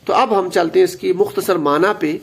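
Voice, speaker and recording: Male grammar teacher, high and gravelly, patient, repeats key terms for students. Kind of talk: explanatory lesson.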